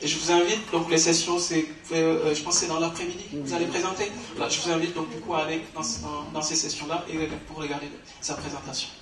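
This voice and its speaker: A man's voice: fairly high pitch, flat delivery, fast, hardly any pauses, a crowd in the background. A man presenting awards at an academic conference, explaining at length with many fillers and restarts. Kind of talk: hesitant spoken announcement. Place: conference hall. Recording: echoey hall from far off.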